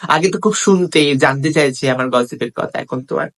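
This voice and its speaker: Man playing a young girlfriend in a phone sketch: rapid-fire gossip, sulky, guilt-tripping. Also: sits high, fairly bright tone. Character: nagging young woman, girlfriend on the phone, easily hurt. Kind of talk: comedy sketch phone call.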